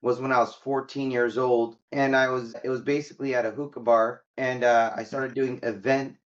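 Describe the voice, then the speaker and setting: A man's voice: medium pitch, little pitch movement, moderate pace, dull audio. A man born in Egypt who grew up in America, a guest in a business interview, telling his life story in a candid, chatty way with fillers. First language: Arabic. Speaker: guest, mortgage company CEO. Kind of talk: casual interview talk.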